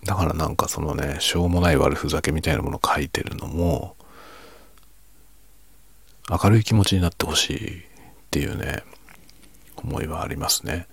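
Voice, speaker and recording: Very deep, quiet-voiced man chatting. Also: normal speed, vocal fry, pauses often, breathy edge, no room sound. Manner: reflective, self-deprecating, soft-spoken. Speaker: streamer and hobby novelist. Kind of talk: quiet late-night casual monologue in a low voice.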